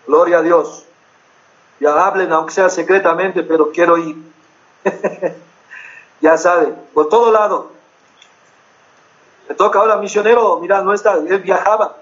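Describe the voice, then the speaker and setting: A man's voice: on the high side, lo-fi sound. A middle-aged man preaching a sermon as pastor, earnest and repetitive, often checking in with his listeners with short questions.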